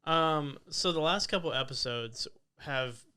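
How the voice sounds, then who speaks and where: Bright, clear-voiced podcast host man. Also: a little high, measured pace. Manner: easygoing, asks questions, many fillers. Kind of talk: casual podcast chat.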